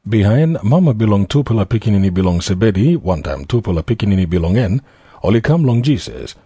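A man's voice: fairly low pitch, sing-song, fast, mellow, breathy edge, dry recording. A man with a Papua New Guinean accent narrating scripture from a script. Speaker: Bible narrator.

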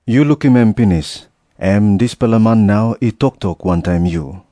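A man with a Papua New Guinean accent acting a calm, authoritative holy teacher in a scripture drama. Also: on the low side, moderate pace, dry recording, lightly acted.

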